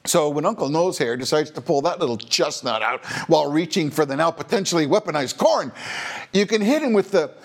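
A man's voice: a little high, lively intonation, brisk. A man hosting a podcast, delivering a scripted commentary monologue with wry, sarcastic and theatrical emphasis. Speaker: podcast host.

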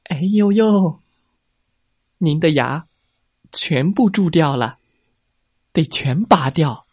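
A man voicing a sly, flattering male fox in a children's story, talking in a fawning, sweet-talking way. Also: fairly high pitch, slow pace, slightly rough, dry recording, studio quality, pitched above the performer's own voice, exaggerated voice. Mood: mock concern.

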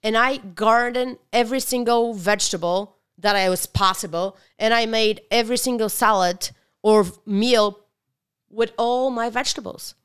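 A woman's voice: a little high, steady tone, moderate pace, fairly bright tone, clean tone. A woman from Bulgaria, talking as a guest in a casual interview, reflective and earnest, often restarting her sentences.

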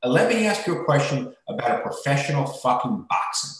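A man's voice: medium pitch, very animated, brisk. A male podcast host chatting in a casual, opinionated and blunt way in an empty room that echoes like a cave. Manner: blunt, swearing.

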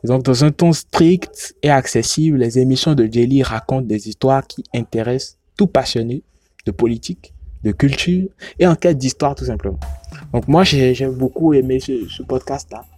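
A man whose first language derives from Yoruba casually recommends podcasts he likes, often restarting and repeating words. His voice is medium-pitched and a little mellow at normal speed. The recording is dry, with soft music in the background.

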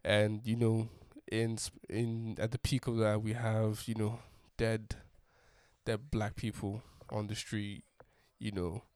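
A man's voice: on the low side, monotone, takes it slowly, a little mellow, clean tone, no echo, studio quality. A young man hosting his own podcast, talking casually in a rambling way with many restarts and fillers. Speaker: podcast host. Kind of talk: casual solo monologue.

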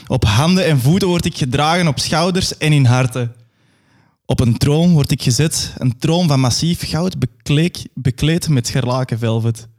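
A man's voice: fairly high pitch, moderate pace, darkish tone. A young man performing a grandiose, absurdist dramatic monologue.

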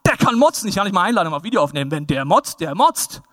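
Pastor in his thirties, high voice, dry close sound, lively sermon with acted-out quotes. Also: quick pace, no echo. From Bavaria. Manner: lively, animated, acts out quoted people in raised voice.

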